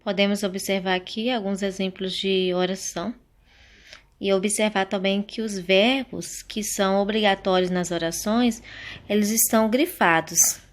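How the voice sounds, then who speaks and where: A woman from Brazil teaching a grammar lesson, explaining slowly and carefully to her students. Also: medium pitch, steady tone.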